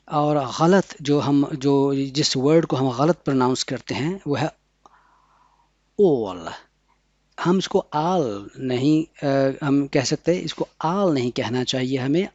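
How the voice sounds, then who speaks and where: Slow, dry-sounding male pronunciation teacher. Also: fairly high pitch, darkish tone, dry recording, lo-fi sound. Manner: repeats words slowly, stretching each sound. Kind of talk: slow word-by-word pronunciation lesson.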